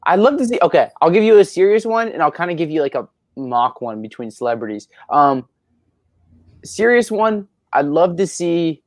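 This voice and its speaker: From his rural home, a nineteen-year-old man hosts a casual Q&A livestream, reading viewer questions aloud in an upbeat, teasing way and laughing often. His voice is medium-pitched, with no room sound.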